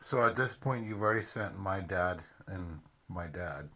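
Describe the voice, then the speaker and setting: A man's voice: deep voice, expressive, normal speed, sharp tone, a little hiss or hum. A young man casually interviewing a relative, giving short listening responses and informal prompts. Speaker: interviewer, grandchild of the storyteller.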